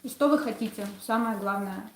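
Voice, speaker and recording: A woman, a clinic administrator, explaining casually in a short promotional pitch. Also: fairly quick. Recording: echoey room with clear noise.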